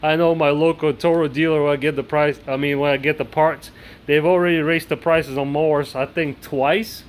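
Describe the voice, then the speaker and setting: A man's voice: a little high, steady tone, moderate pace. Chatty man rambling in his shop. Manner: rambling, chatty, restarts with many uhs. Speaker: mower repair vlogger. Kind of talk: casual workshop vlog. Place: cluttered indoor shop.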